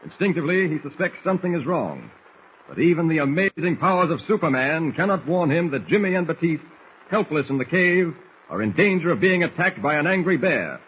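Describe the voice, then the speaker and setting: Dramatic high-voiced male radio narrator. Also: big pitch swings, fairly quick. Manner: dramatic, formal. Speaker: announcer, narrator. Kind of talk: 1940s radio serial narration. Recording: muffled, hissy old radio recording.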